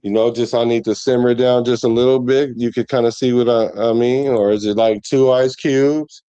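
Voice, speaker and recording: A man's voice: medium pitch, fairly even intonation, normal speed, dark tone, smooth, no room sound, dull audio. A man hosting a sports show, talking casually to his viewers in a rambling way full of restarts. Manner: rambling, conversational, with many restarts and fillers.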